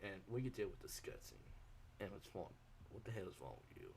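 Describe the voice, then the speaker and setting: A stern male cinema staffer, put on by a man, speaking low and hushed. His voice sits well below the teller's own pitch and stays quiet and accusing throughout. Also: sing-song, fairly quick, gravelly, a little hiss or hum.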